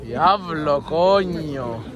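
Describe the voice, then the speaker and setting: A man's voice: fairly high pitch, animated, drawn-out words, lo-fi sound. A young man, vlogging and teasing friends in slangy, joking banter outdoors, filmed on a handheld phone. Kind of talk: casual street vlog banter. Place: outdoors at a school field day on a city street. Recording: crowded outdoor street noise. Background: crowd chatter and passing traffic.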